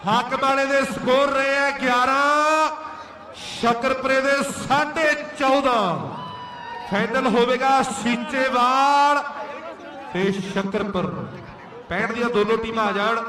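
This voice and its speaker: A man with a Punjabi accent giving hearty, loud, excited live kabaddi commentary and announcements, often repeating words. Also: very high-pitched, slow. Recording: echoey PA, distant mic, faint noise.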